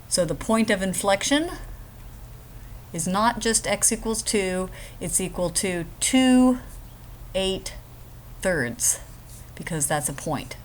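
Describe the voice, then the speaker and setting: A woman's voice: lowish voice, a little hiss or hum. A woman math instructor giving a casual, chatty screen-recorded lecture, explaining step by step with joking asides.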